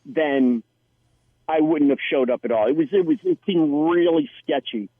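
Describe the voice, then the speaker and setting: Actor guy telling stories on a tinny dry phone-like line, kinda high voice. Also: normal speed, a crowd in the background. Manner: animated storyteller, quotes others. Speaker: actor and guest. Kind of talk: casual interview chat.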